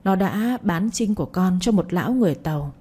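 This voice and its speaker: A woman's voice: lowish voice, animated, fairly quick, dark tone, slightly rough. A woman voicing a young daughter who confesses in a heavy, resentful way. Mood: bitter.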